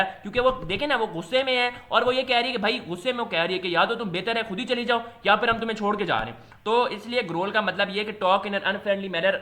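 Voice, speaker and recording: A man with a Pakistani accent, explaining entry test questions as a tutor in a loose, chatty way, reading English questions out slowly. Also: sits high, pushed and bright. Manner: switches to slow, deliberate pace when reading English questions; loose, chatty teaching with fillers.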